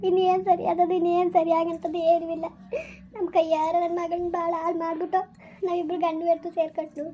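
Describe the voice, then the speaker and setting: A woman playing a grieving, bitter older village mother-in-law who wails and scolds. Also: very high-pitched. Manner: wailing, scolding. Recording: dull lo-fi recording.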